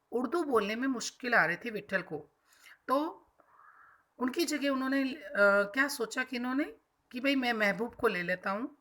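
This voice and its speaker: A woman's voice: on the high side, pushed and bright. A woman school teacher explaining a textbook chapter to children, defining hard words simply and repeating herself as she goes.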